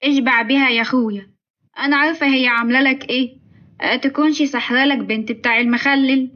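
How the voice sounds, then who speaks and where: A woman voicing a sharp-tongued, greedy older mother-in-law with an Egyptian accent, mocking and scornful. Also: high voice, steady tone, fast, dull audio, natural voice. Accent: Egyptian Arabic.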